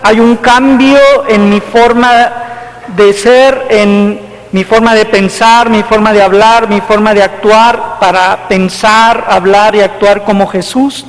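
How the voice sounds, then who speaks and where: High-voiced priest preaching in a hall. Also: male voice, fairly even intonation, slow pace. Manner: conversational, rhetorical questions with frequent "¿verdad?". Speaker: parish priest. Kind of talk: sermon. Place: church. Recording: long church reverb.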